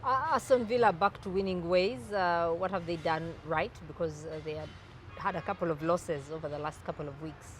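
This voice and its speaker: A man's voice: a little high, a little fast, slight background noise. A man hosting, asking short questions and murmuring agreement. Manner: brief prompts and agreement. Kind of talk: casual sports talk.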